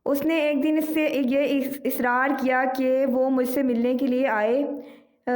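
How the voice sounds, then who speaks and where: A woman's voice: fairly high pitch, darkish tone. Woman telling a moral story, roomy echo. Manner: unhurried, with frequent "aa" fillers and moral asides.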